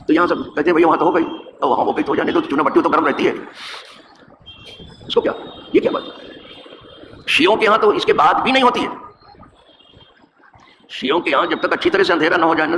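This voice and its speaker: A middle-aged man, a mosque imam, giving a hadith lesson with animated rhetorical questions and recited verse. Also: high voice. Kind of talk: religious lesson talk. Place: mosque hall. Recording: echoey hall with background noise.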